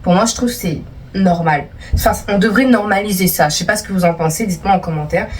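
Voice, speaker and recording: A woman's voice: mid-range voice, quick pace, darkish tone, far from the mic, slight background noise. A young woman vlogger reading out viewer stories and teasing them in casual, playful chat.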